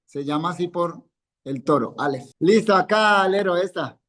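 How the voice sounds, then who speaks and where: A man's voice: high voice, animated, moderate pace, a bit bright. A male Hebrew teacher, giving a live classroom lesson and patiently quizzing students by name, repeating each word. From Colombia.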